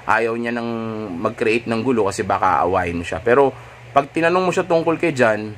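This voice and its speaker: A man's voice: medium pitch, animated, moderate pace, fairly bright tone, a little hiss or hum. A man coaching listeners on dating in a casual monologue, and often checking in with rhetorical tags.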